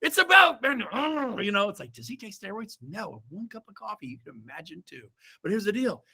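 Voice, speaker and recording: A middle-aged man giving a fired-up motivational talk to his real estate team over a video call. He is emphatic and swings from shouts to low asides. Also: very animated, brisk, vocal fry, breathy edge. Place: indoors, own room on a Zoom call.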